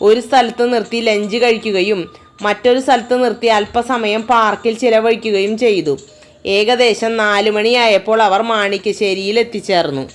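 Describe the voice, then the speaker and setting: A woman's voice: medium pitch, steady tone, moderate pace, faint music behind. A woman narrating a story and speaking every character's lines herself. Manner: acts out each character's lines.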